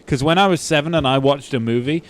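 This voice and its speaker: A man's voice: on the high side, fast talker. Sweary, jokey young man. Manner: jokey, sweary, breaks into silly voices. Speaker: gaming podcast co-host. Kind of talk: casual chat over gameplay.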